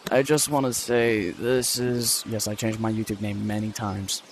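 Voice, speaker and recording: A man's voice: fairly low pitch, little pitch movement, normal speed. Rambling guy hosting a fan video. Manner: rambling, filler-heavy. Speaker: channel host and narrator. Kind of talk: casual fan video intro and role-play. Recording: noisy home recording.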